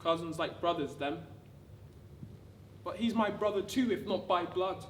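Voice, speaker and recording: A woman giving a rehearsed dramatic reading of wartime letters, measured, with deliberate pauses. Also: on the low side. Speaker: actor reading a monologue. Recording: distant, echoey room with background noise.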